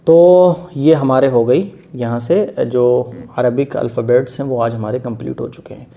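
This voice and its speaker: A man's voice: medium pitch, steady tone, dark tone. A man teaching a beginners' Quran reading lesson, explaining letter sounds patiently and stretching each letter long in one breath.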